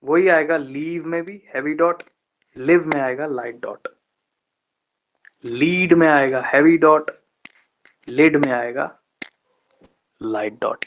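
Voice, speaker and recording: A man teaching shorthand in a live online lesson, explaining step by step with patient pauses and slowing down to spell out terms. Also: mid-range voice, fairly bright tone, slight background noise. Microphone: online class microphone. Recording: dull lo-fi online class audio.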